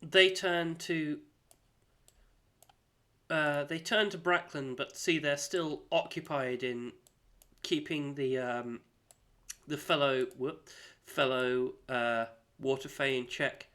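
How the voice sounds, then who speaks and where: A man with a cold running a tabletop game as game master, narrating haltingly with many fillers. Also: a little high, fairly even intonation, fairly bright tone. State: has a cold.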